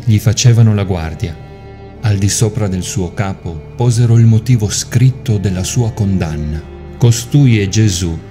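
A priest giving a measured, solemn liturgical scripture reading. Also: male voice, on the low side. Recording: music playing underneath.

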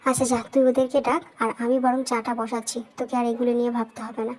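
A woman voicing an elderly mother in a doll-play drama, calm and matter-of-fact. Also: on the high side, fast, slight background noise, voice pushed up, natural voice. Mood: reassuring. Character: elderly mother, early riser, calm and doting.

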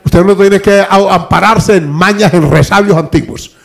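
Gravelly older preacher. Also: male voice, high-pitched, normal speed. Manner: preaching with lively acted-out dialogue. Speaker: pastor. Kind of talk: sermon.

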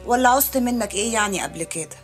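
Woman doing an Egyptian woman, jealous and pushy, brisk talk. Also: fairly high pitch, lively intonation, soft background music, lightly acted. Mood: needling. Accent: Egyptian Arabic. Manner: needling, threatening. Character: jealous Egyptian woman pressuring her lover by phone. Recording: film score underneath.

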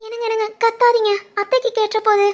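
A woman voicing a timid young wife in an animated family drama, anxious and pleading. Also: very high-pitched, quick pace.

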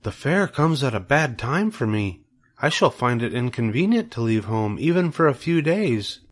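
Man as a sensible lady spider, raised pitch. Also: very animated. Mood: reluctant. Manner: measured, matter-of-fact. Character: calm, sensible female spider, kindly but firm.

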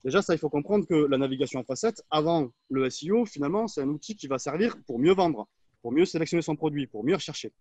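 A man's voice: fairly high pitch, expressive, fast, a little mellow, no echo, muffled recording. A man on a webinar panel giving expert advice in an assertive, structured way over a video call. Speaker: agency manager, panelist.

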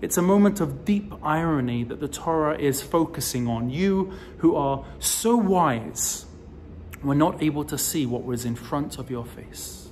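The rabbi, a man in his forties, has a slightly high, expressive voice with a darkish tone, and he narrates his sermon slowly and deliberately, rising emphatically at points. The phone or camera sits close to his face in selfie framing indoors against a decorative wall, picking up a little hiss or hum.

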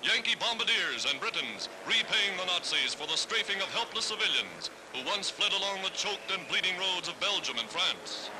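A man's voice: sits high, very animated, moderate pace, hardly any pauses, background noise. A man narrating an old wartime newsreel in a dramatic, rousing delivery. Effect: old newsreel sound. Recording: old newsreel with music behind.

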